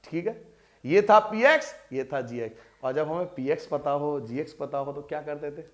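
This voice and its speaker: A man teaching a maths lesson at a board, talking in a lively, coaxing way and asking and answering his own questions. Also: a little high, moderate pace.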